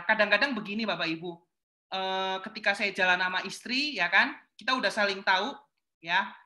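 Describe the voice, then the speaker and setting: A man giving a communication seminar, talking straight to his audience in a lively way and acting out small examples. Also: high-pitched. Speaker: communication trainer.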